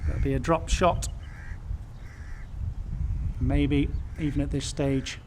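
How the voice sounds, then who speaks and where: A man giving golf commentary for television in measured, short, understated phrases. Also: fairly high pitch, fairly even intonation, a little mellow, slight background noise.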